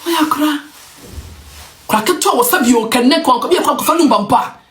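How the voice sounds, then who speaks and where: A woman's voice: sits high, fairly quick. A woman with a Ghanaian accent giving an emphatic opinion rant as an online commentator, switching between English and Twi.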